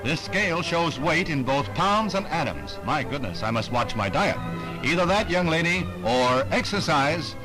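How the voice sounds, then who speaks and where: A man narrating a 1960s newsreel as a brisk announcer, dropping light quips between facts. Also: fairly high pitch, sing-song, low-quality recording. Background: music underneath.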